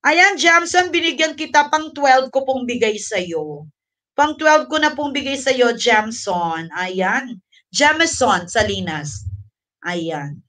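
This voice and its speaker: A woman's voice: a little high, lively intonation, slow pace, fairly bright tone, distant mic. A woman hosting a casual livestream, out of breath, chatty and thanking viewers, mixing English into her talk. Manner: mixes English into Tagalog. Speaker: livestream host.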